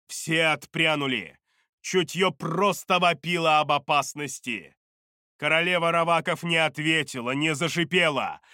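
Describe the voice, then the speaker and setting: Bright-voiced male fantasy narrator. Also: fairly high pitch, smooth, no room sound, studio quality. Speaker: audiobook narrator. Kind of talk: dramatic fantasy audiobook narration.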